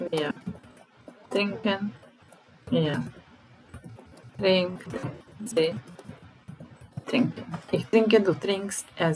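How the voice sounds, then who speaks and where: A woman teaching German vocabulary, explaining in English and slowly repeating each word and verb form. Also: mid-range voice, background noise. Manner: slow and deliberate, repeating each word and conjugating verbs. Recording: music playing under the voice.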